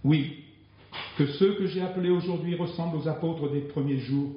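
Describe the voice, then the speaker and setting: A man's voice: on the high side, normal speed, natural voice. A man voicing God as a stern, fatherly presence in a religious story read aloud, severe and solemn. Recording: very echoey, dull lo-fi sound.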